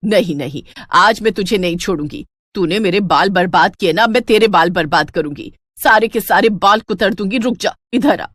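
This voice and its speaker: A woman's voice: on the low side, lively intonation, normal speed, no room sound, clean studio sound, pitched below the performer's own voice. A woman voicing a fierce, jealous middle-aged mother-in-law in a cartoon, scolding and bossy. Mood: furious.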